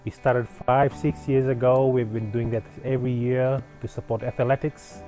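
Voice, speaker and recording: A man from Fiji speaks earnestly and proudly in an interview, often pausing on fillers and restarting his sentences. His voice sits at an ordinary middle pitch. Faint music plays underneath him. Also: level tone, dark tone. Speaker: clothing brand founder. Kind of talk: interview answers.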